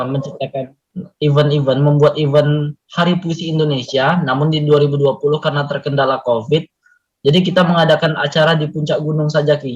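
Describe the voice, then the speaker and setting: A man speaking earnestly and reflectively as a guest in an online community meeting, with frequent fillers, heard over a video call. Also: a little high. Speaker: guest poet and mountain climber. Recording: muffled online call audio.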